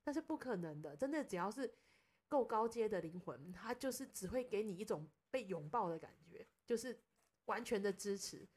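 Husky woman storyteller. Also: mid-range voice, moderate pace. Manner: animated storyteller, acts out quoted speech. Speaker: podcast host. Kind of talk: casual storytelling.

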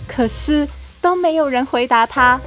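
A woman host reading a picture book aloud to children, in a gentle, coaxing manner. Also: sits high, a little slow, over music. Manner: gentle, coaxing, addressing kids.

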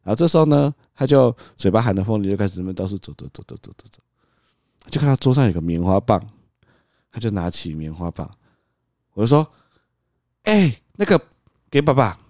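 A man's voice: on the low side, brisk, pauses often, no echo, clean studio sound. A father, co-hosting a podcast and animatedly acting out a story about his toddler, laughing as he goes. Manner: animated, acts out scenes, laughs often. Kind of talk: casual storytelling chat.

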